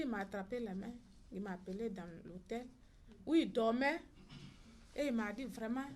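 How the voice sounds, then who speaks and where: With a little hiss or hum in the audio, a middle-aged woman with an Ivorian French accent speaks in a fairly high voice. She is a mother telling what happened at a press conference, performing the conversations she recounts.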